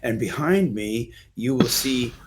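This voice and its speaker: A man's voice: medium pitch, animated, a little slow, a little hiss or hum. A middle-aged man from Canada, a guest in an interview, telling long, earnest stories and explaining photos in a discursive way. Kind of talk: storytelling in an interview.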